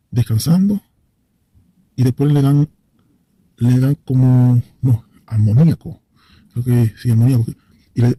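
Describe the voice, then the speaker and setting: Very dark-voiced man telling a story. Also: medium pitch, dry recording. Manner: vivid, repeats phrases for effect; hesitant, searching for words. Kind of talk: casual personal storytelling.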